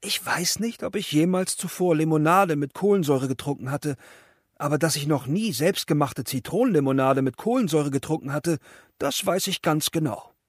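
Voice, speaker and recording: A man reading an audiobook, telling his story in a lively, self-mocking way on a close studio mic. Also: on the high side, normal speed, no room sound. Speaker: audiobook narrator. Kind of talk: scripted audiobook narration.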